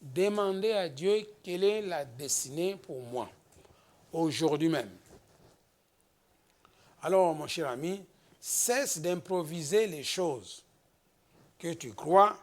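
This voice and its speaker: A man from the Democratic Republic of the Congo preaching a slow, emphatic sermon as pastor, rising into exhortations. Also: on the high side, expressive.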